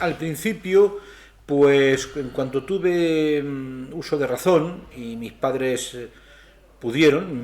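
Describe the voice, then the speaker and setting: An older man from Spain, a guest in an interview, telling stories from his childhood in an unhurried, hesitant way with many fillers. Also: mid-range voice. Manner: rambling, hesitant storytelling. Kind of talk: casual interview.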